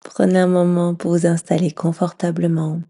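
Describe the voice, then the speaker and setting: A woman guides a yoga nidra meditation in a mellow, husky, fairly low voice at a normal speed. Her tone stays very even and soothing, and she often slips into a breathy whisper as she teaches.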